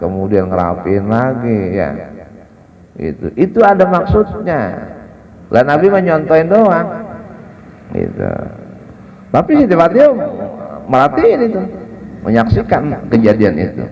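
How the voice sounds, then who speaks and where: A man preaches in a relaxed, joking way, stretching out his stories and dropping in Arabic phrases. His voice sits low, and the recording is dull and lo-fi. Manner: chatty, joking asides, drawn-out storytelling. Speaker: ustadz giving a Ramadan study. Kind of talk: casual mosque sermon with Arabic recitation. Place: mosque.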